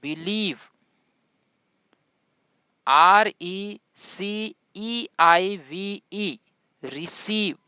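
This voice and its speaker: Bright, clear-voiced woman teaching slowly. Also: medium pitch, no room sound, clean studio sound. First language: Hindi. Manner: spells words letter by letter and quizzes the viewer. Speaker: English pronunciation teacher. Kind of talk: classroom-style spoken lesson.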